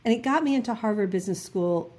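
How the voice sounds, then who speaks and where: A woman's voice: medium pitch, expressive, fast, darkish tone. A woman in her fifties from New Jersey, guest in an interview, telling personal stories earnestly with many fillers and restarts. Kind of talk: reflective interview conversation.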